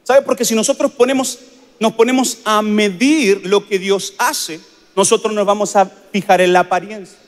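A man's voice: sits high, fairly even intonation, moderate pace, long reverb tail. A man preaching a sermon as a pastor, emphatic, repeating phrases for stress.

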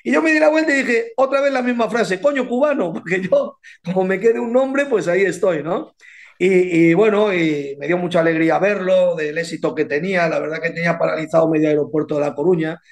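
A man with a notably high voice tells old gym stories in a loose, conversational way. He repeats words as he builds each anecdote and puts on little voices for the people he quotes. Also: fairly quick. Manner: animated storyteller, repeats words, acts out quotes. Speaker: boxing coach. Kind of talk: casual anecdote telling.

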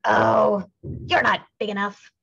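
A woman voicing a small grouchy ladybug that picks fights, with loud, brash taunts, on a slightly muffled recording. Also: fairly high pitch, big pitch swings, a little slow, husky, pitched above the performer's own voice, full character voice.

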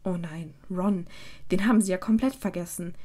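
Woman reading a bossy, scolding teenage witch in a homemade storybook reading, voice soft and dark. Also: fairly low pitch, normal speed, close to an everyday voice. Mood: stern. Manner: strict, scolding. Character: sharp-tongued teenage girl witch, bossy.

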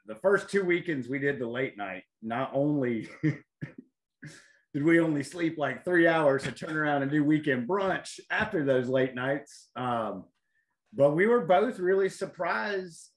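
Man, 30s, chef guest, relaxed chatty talk, video call. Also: a little high. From North Carolina. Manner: easygoing, chatty, with small laughs. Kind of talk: casual video-call interview.

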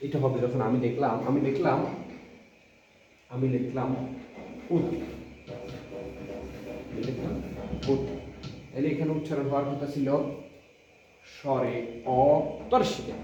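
A man with a Bangladeshi Bengali accent, a college lecturer teaching pronunciation, speaking deliberately in short halting phrases and repeating example words slowly. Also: fairly high pitch. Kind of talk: spoken classroom lesson. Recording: echoey room, distant mic, dull sound.

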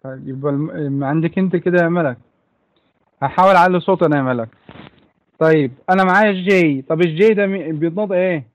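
A man's voice: on the high side, fast. A man with an Egyptian Arabic accent teaching English letters to children in an online class, patiently repeating each sound for the pupils to echo. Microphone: computer mic in an online class.

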